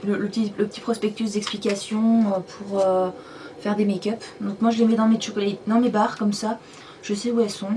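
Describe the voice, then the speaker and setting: Woman beauty vlogger, chatty and rambling, mellow tone, a little far from the camera mic, faint background hiss. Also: mid-range voice, flat delivery, fairly quick. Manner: chatty, rambling, self-deprecating. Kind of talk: casual makeup review and swatching.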